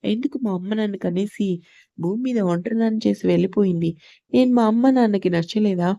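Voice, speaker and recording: A woman's voice: mid-range voice, a little fast, creaky, mellow, no echo, studio quality, lightly acted. A woman voicing a frightened, tearful young wife who pleads like a child in a storybook reading. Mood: grieving.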